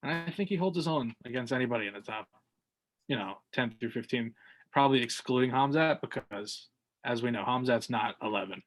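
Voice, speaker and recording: A man's voice: medium pitch, a little fast. A man co-hosts a combat sports podcast in loose, casual chat. He rambles, restarts his sentences and fills the gaps with fillers as he talks through fights. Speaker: podcast co-host.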